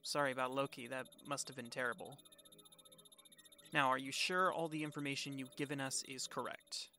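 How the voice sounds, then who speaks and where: A man playing a dutiful government agent in a fan audio roleplay, speaking in a brisk, official way. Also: mid-range voice, fairly even intonation, sharp tone. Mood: businesslike.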